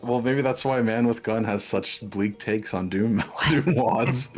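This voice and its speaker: A man's voice: mid-range voice, unhurried, soft background music. A man in a casual gaming voice chat who teases his friends and laughs often. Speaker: stream co-host.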